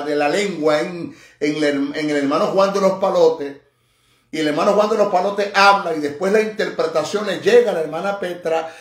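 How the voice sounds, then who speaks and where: Man, sermon, emphatic, mocking, high-ish voice, roomy echo. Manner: emphatic, mocking, swings between low asides and high exclamations. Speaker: pastor. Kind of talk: sermon teaching.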